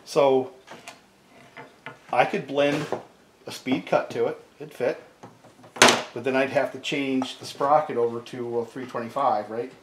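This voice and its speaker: This middle-aged man, a chainsaw repair video host, speaks in a mid-range voice with fairly even intonation, a measured pace and long pauses. He casually walks through repair steps at his workbench, peppering them with "right?", recorded by a tripod camera mic in a noisy, echoey, cluttered home workshop.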